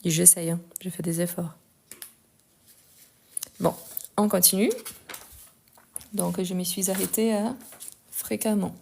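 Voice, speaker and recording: A woman's voice: on the low side, fairly even intonation, slow, gravelly, long pauses, a little mellow, slight background noise. Woman teaching a live French lesson. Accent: non-native accent in French. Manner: explains patiently, checks in with "ok?"; tends to speed up while talking. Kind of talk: live online language lesson.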